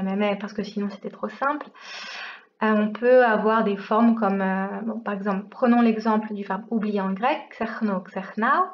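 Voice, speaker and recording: A woman's voice: mid-range voice, muffled recording. A woman teaching a language lesson in a casual, chatty way, explaining step by step and asking herself rhetorical questions.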